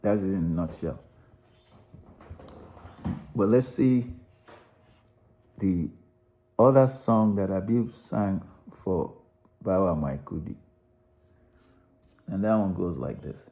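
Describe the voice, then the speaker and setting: A Nigerian man with a low-set, dark and mellow voice. He narrates in an easy, unscripted way. He repeats and restarts phrases while explaining. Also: takes it slowly, long pauses, slight background noise. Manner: rambling, self-correcting, repeats words. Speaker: narrator analysing a song. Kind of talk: unscripted spoken commentary.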